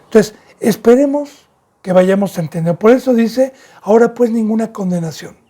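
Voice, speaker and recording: Preaching with fervor, this man from Mexico speaks at a moderate pace in a voice that sits high. His pastoral delivery rises and falls in volume, with occasional stumbles.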